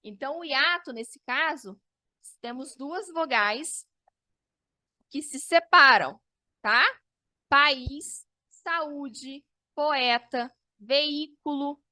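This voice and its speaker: A woman's voice: high voice, drawn-out words, sharp tone, no echo. A woman teacher, giving an online review lesson and explaining step by step, often checking in with her students.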